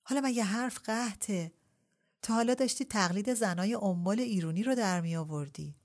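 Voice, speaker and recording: A woman voicing a spirited, quick-tongued young bride who answers back higher and brighter than the narration. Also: close to an everyday voice.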